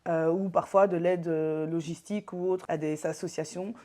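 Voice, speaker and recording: A woman in her thirties from Belgium, a politician answering interview questions in a measured, explanatory way with frequent hesitations. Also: lowish voice, fairly even intonation, darkish tone. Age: 30s. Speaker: politician guest.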